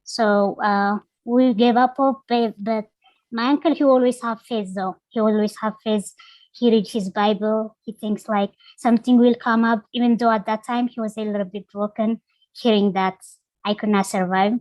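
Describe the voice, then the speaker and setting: A young woman from Ethiopia, a guest on an interview podcast, telling her life story in an earnest, halting way, with many fillers. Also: on the high side, fairly even intonation, darkish tone, no echo, rough recording. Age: young adult. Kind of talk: personal storytelling.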